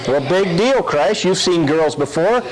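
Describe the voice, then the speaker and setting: A man's voice: sits high, expressive, unhurried. A man, a police officer, giving a safety talk to schoolchildren as the patient straight man to a ventriloquist dummy. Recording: noisy recording with crowd. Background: children's crowd.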